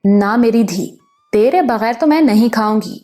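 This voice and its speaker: Female narrator doing older motherly village woman, scolding but loving, mellow tone, soft music behind. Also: on the high side, natural voice. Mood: tender. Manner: scolding yet affectionate, rustic speech. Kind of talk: audiobook character voice.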